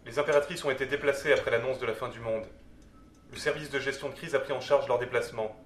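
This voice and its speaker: A man's voice: medium pitch, fairly even intonation, fast talker, a bit bright, natural voice. A man playing a determined rebel petitioner in an audio drama, speaking formally and earnestly. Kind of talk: French audio drama acting. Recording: echoey room, faint background noise.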